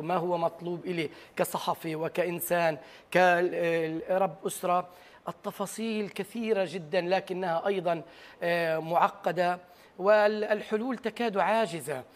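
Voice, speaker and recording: High-voiced Palestinian man, halting delivery. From Gaza. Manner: halting, searching for words. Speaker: journalist, interview guest. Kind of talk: serious interview account. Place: large TV news studio. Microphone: lapel.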